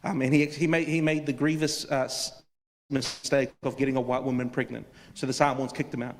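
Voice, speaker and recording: Fast-talking New Zealand man in a hall. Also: mid-range voice, level tone. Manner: earnest, repeats words when starting sentences. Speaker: panel debater. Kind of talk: panel debate.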